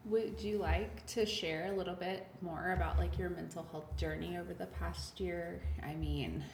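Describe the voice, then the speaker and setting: A woman interviewing a guest, speaking softly and encouragingly as she asks questions. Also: lowish voice, fairly even intonation, normal speed, vocal fry. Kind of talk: conversational interview. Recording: echoey room with noticeable background noise.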